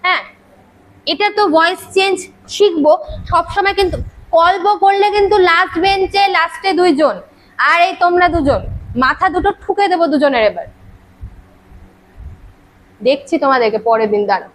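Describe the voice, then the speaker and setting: A woman teacher, lecturing a classroom on grammar. She keeps quizzing her students with rhetorical questions and scolds them briskly. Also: very high voice, a bit bright, low-quality recording.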